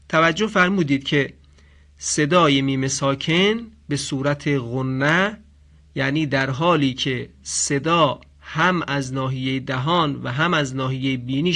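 A man teaching Quran recitation rules in a language lesson. He explains patiently and chants the example phrases slowly. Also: on the high side, a bit bright. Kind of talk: radio-style tajweed lesson.

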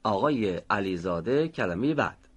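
A man teaching Quran recitation, explaining how to pronounce a letter and slowly sounding out example words. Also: lowish voice, expressive, slightly rough. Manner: slow, deliberate pronunciation of example words. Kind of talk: instructional lesson. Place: recording studio.

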